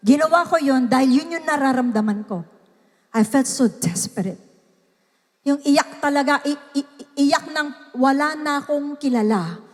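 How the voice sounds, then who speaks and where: A woman with a Filipino accent preaching a sermon, mixing languages and breaking into loud, pleading cries. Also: sits high, long reverb tail. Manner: code-switching, swings to shouted pleas.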